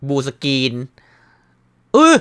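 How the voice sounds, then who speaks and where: A man giving casual let's-play commentary, joking about the game text and yelping and shouting at scares. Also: slow, over loud music. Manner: excitable, yelps and shouts at scares; jokey, reads game text aloud with wry asides. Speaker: gaming YouTuber.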